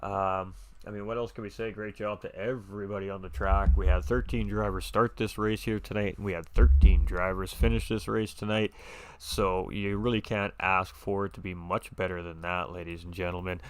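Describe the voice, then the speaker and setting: A man doing live-stream sim racing commentary, chatty and excitable, reading chat aloud from a home streaming setup. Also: low-pitched, normal speed, smooth.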